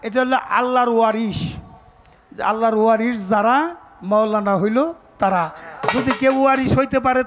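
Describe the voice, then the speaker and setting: A man's voice: very high-pitched, background noise. A man leading a folk song debate, preaching in a rhythmic sermon-like way and breaking into song. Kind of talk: Bengali pala gaan debate, preaching and singing.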